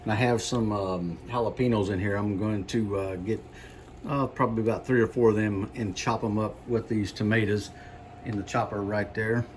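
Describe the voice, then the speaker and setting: A man giving a casual home cooking demonstration, explaining things in a halting, unhurried, folksy way. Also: lowish voice, steady tone, a little hiss or hum. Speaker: home cook presenting a recipe.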